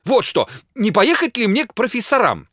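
A man voicing a terrified gentleman who fears he is going mad, pleading desperately in high outbursts. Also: wildly swooping pitch, moderate pace, dry recording, studio quality, heavily acted. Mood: frantic pleading. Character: frantic terrified man, gentleman fearing madness.

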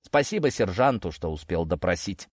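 A man's voice: sits low, animated, moderate pace, no echo, clean studio sound. A man reading an audiobook, voicing a tired, matter-of-fact young man reporting grim news. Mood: explaining. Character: weary young man, battle-hardened brother.

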